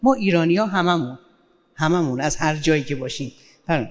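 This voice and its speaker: Lively woman advising in a reverberant hall. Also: sits low. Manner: animated, acts out little quoted dialogues. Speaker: guest speaker on family life. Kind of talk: lively advice talk on a stage.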